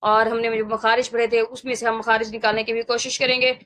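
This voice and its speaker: A woman teaching Quran recitation rules, explaining patiently and repeating sounds slowly for learners to copy. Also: a little high, level tone, fairly bright tone. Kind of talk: tajweed lesson, step-by-step explanation.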